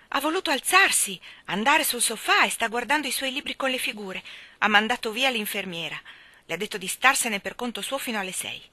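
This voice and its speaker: A woman voicing an excitable, chatty young servant girl in a read-aloud story, talking breathlessly with a high, rising voice and dropping into half-whispers. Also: no echo.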